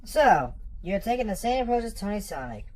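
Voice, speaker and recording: A woman's voice: mid-range voice, very animated, fairly quick, a little mellow, soft background music, low-quality recording. A woman co-hosting a video commentary, blunt, critical and dismissive. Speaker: commentary co-host.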